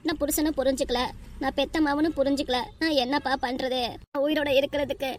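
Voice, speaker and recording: A woman's voice: sits high, fairly even intonation, fast talker, a little mellow, lightly acted. A woman voicing Pushpa, a tearful young married woman in a cartoon, with a southern Tamil accent and a whiny, plaintive way of complaining. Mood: despairing. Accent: southern Tamil, Tirunelveli.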